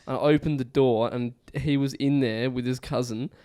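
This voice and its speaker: A man's voice: mid-range voice, steady tone, normal speed, mellow, clean tone. A young man co-hosting a podcast, chatty and teasing, laughing at his own jokes. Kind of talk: casual storytelling chat.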